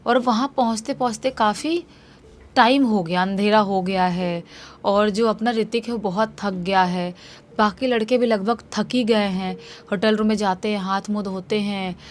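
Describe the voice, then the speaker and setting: A woman's voice: medium pitch, steady tone, normal speed, slight background noise. A woman narrating a horror story in a loose, conversational way, often repeating herself. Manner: loose, repetitive spoken retelling.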